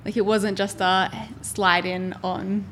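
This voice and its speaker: A woman's voice: mid-range voice, flat delivery, slow pace, fairly bright tone, slight background noise. A woman hosting a relationship podcast, chatting in an upbeat, casual way. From Australia. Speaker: podcast host. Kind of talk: casual chat.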